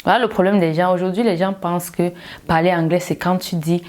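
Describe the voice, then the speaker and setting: Low-voiced woman giving an emphatic pep talk. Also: steady tone, a little fast, a little mellow. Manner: emphatic, direct, rhetorical questions. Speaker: English learning coach. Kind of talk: motivational talk to viewers.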